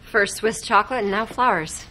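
An actress playing a determined, stubborn young former prosecutor in a naturalistic, earnest and conversational way. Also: female voice, medium pitch, moderate pace, bright, forceful tone, a little hiss or hum, natural voice, low-quality recording. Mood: guarded, resolute. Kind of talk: naturalistic TV drama acting.

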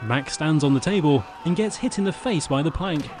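Male audio describer, scripted narration, matter-of-fact, present tense, somewhat high-pitched. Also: animated, fairly quick.

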